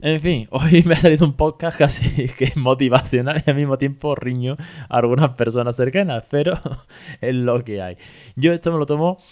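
A man's voice: mid-range voice, normal speed, a little mellow. A man from Spain hosting a casual solo podcast, chatty and swearing casually as he acts out the people he quotes. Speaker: podcast host. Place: hotel room.

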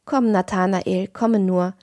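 A woman reading a gentle, soothing mother. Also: mid-range voice, steady tone, takes it slowly, no room sound, natural voice.

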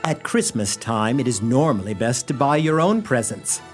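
In a comic radio play, a man voices a wry humorist narrator who gently mocks a boy's gifts, telling the tale with mock solemnity and dramatic emphasis. His mid-range, natural voice has a sing-song lilt at a normal speed. Faint music plays behind him.

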